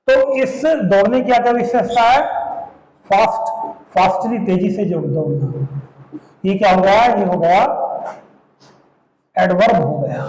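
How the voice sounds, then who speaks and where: A man's voice: high-pitched, darkish tone, reverberant, low-quality recording. A man teaching a grammar lesson, explaining step by step and asking and answering his own questions.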